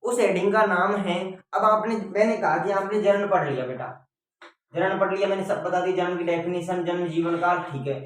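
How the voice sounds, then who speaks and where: A man's voice: high-pitched, fairly even intonation, moderate pace, fairly bright tone. Echoey man teaching biology in class. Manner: repetitive, checks with "theek hai?"; addresses students as "beta". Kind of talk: classroom-style lecture. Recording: very echoey room, mic far off.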